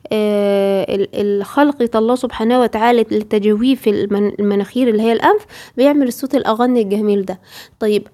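A Quran recitation teacher with an Egyptian Arabic accent gives a tajweed lesson, explaining patiently and putting rhetorical questions to her female student. Her voice is on the high side and mellow.

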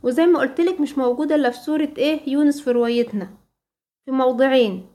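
High-voiced Egyptian woman teaching tajweed. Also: fast talker, mellow. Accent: Egyptian Arabic. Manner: quizzes listeners with prompt questions and repeats key terms. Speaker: Quran recitation teacher. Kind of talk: tajweed lesson.

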